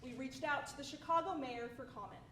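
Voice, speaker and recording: A woman's voice: high voice, brisk, a bit bright. A woman playing a dry, pedantic news field reporter in a comedy sketch. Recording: roomy, distant, noisy.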